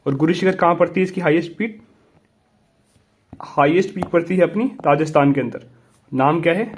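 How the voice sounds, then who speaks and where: A man's voice: on the high side, moderate pace, slight background noise. A young man teaching an exam prep lesson in a casual explaining style, often asking whether students have understood and switching between Hindi and English. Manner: repetitive checking questions, mixing Hindi and English.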